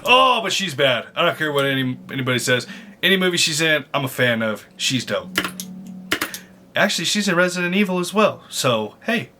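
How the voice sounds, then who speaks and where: A YouTube host reacting to movie trailers gives casual, slangy commentary, exclaiming and mocking as he goes. His voice is a little high and very animated at a moderate pace, with background noise and music playing behind him.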